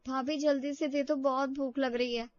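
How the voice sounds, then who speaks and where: A woman's voice: sits high, fairly even intonation, normal speed, a little mellow, dry recording, highs cut off, lightly acted. A woman voicing a teasing young sister-in-law in a cartoon story, cheeky and complaining. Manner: teasing, complains to her mother, calls the bride "bhabhi". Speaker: cartoon character.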